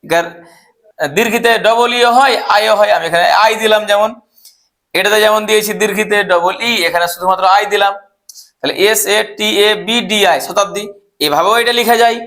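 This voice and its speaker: A man's voice: high-pitched, brisk, fairly bright tone. A man teaching English spelling, asking and answering his own questions as he spells words out letter by letter. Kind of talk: explaining spelling step by step.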